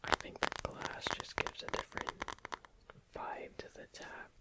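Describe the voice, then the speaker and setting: Asmr person whispering, kinda rambly and self-deprecating, taking their time, crinkly tapping noises. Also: measured pace. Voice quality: whispered, unvoiced. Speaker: ASMR video creator. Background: crinkling bubble wrap and tapping.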